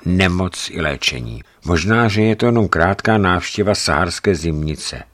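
A man narrating a travel story in a measured, serious first-person reading. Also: deep voice, expressive, a bit bright.

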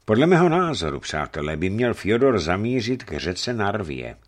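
A man reading a story and voicing a serious, thoughtful leader who speaks slowly and earnestly to his companions. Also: on the low side, big pitch swings, pitched above the performer's own voice. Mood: earnest, cautious. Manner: slow, deliberate, earnest. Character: grave, thoughtful Russian male leader, middle-aged.

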